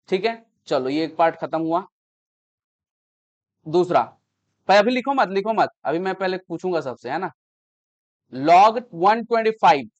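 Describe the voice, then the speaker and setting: High-voiced patient male teacher. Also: lo-fi sound. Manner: explains patiently, repeats steps, checks understanding. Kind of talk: classroom math lesson. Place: classroom.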